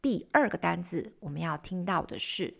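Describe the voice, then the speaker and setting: A woman's voice: on the low side, normal speed, gravelly. A woman hosting a bilingual lesson on English news, explaining key words and slipping English phrases into her explanations. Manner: lively explaining, mixing English terms into Chinese. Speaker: language teacher and host.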